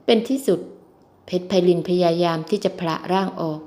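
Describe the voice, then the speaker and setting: A woman narrates a romance novel in steady, even storytelling. Her voice sits somewhat low for a woman, and she lifts it brightly when the heroine speaks. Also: a little fast. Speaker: audiobook narrator.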